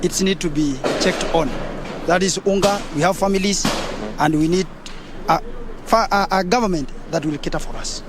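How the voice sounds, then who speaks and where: A man's voice: high voice, normal speed. A man with a Kenyan accent giving his views in an outdoor street interview. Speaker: motorbike taxi rider being interviewed. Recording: noisy outdoor street with vehicles.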